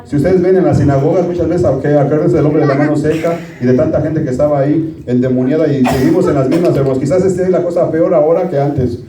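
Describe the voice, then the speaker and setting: A man's voice: a little high, fairly even intonation, fast talker, hardly any pauses, crowd noise. A pastor, preaching a conversational sermon and often calling his listeners brothers. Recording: roomy, distant from the mic.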